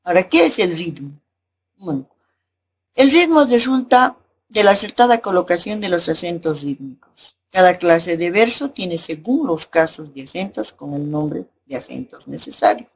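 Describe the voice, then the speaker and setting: A woman teacher explaining poetry lessons, often asking a rhetorical "right?" and pausing with fillers. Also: fairly low pitch, sing-song, a little hiss or hum. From Bolivia. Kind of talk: recorded class lesson.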